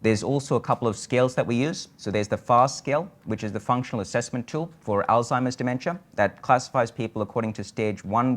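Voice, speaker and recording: Giving a conference lecture on a medical subject, a man with a fairly low voice explains things in a measured way, often using filler sounds.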